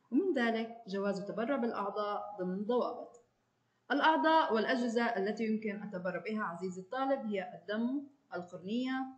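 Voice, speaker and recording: Brisk woman teacher giving a lesson. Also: medium pitch. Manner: brisk, addresses the student directly, frequent filler sounds. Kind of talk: recorded online lesson.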